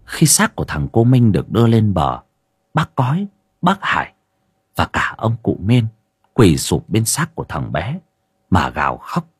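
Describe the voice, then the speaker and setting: A man's voice: lowish voice, wildly swooping pitch, a little slow, slightly rough, no room sound. A man, narrating a ghost story with dramatic expression.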